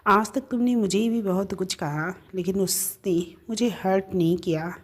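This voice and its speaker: A woman voicing a stern, angry young husband who scolds in sharp, clipped lines. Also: medium pitch, measured pace, natural voice. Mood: reproachful.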